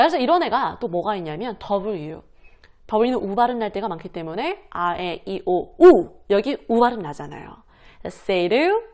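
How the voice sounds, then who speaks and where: Lively woman teaching pronunciation. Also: medium pitch. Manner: demonstrates English words slowly and repeats them; lively, asks and answers her own questions. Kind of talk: explaining lesson to camera.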